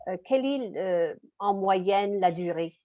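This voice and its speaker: A woman's voice: mid-range voice, animated, takes it slowly, dark tone. A woman asking questions informally, tentative and courteous, on muffled call-like audio.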